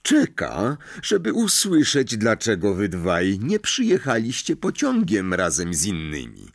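A man's voice: on the low side, wildly swooping pitch, unhurried, vocal fry, no echo, clean studio sound, exaggerated voice. A man voicing a cold, mocking male potions professor in an audiobook, with icy, sarcastic delivery.

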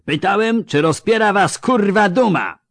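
Guy putting on a loud mocking army boss, barks orders, pitched up high and pushy, dry close sound. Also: animated, moderate pace, no echo. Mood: bellowing. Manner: mocking, coarse, barking orders. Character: crude sarcastic male army commander bellowing at troops. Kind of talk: audiobook character voice.

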